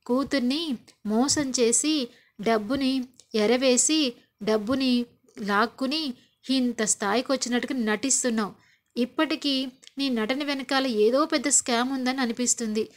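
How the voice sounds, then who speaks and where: Woman playing quick-witted proud young wife, cutting retorts, high voice. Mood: accusing.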